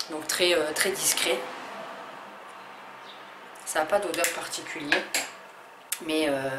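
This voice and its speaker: A woman's voice: deep voice, noisy background. A woman hosting a casual beauty haul vlog, talking hesitantly with many fillers and restarts. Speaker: beauty vlogger. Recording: echoey room with faint ambience.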